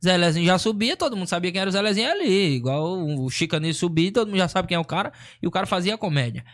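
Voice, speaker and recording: A man with a fairly high voice rattles through a comic story at a rapid clip. He is slangy and animated, slipping into the voices of the people he quotes. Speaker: comedian. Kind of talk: casual storytelling chat.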